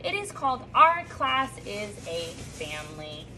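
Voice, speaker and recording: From a classroom reading corner, a thirties-aged woman who teaches third grade offers her class a cheerful sing-song welcome before reading a picture book aloud with lively rises and slips. She speaks at a measured pace in a medium pitch. The audio is poor, with a little hiss or hum, taken from a phone or camera on a stand a few feet away.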